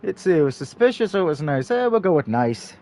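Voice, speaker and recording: Animated, very high-voiced man reading game text. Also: fast talker. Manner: acts out dialogue while reading. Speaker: let's play narrator. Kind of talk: reading a visual novel aloud with casual asides.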